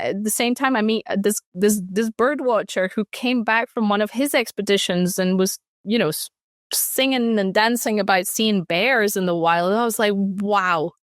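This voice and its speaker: As a guest on an interview, an Ecuadorian artist in her thirties speaks reflectively at a medium pitch, with plenty of fillers and restarted sentences. The sound is dry and clean, as if recorded in a studio.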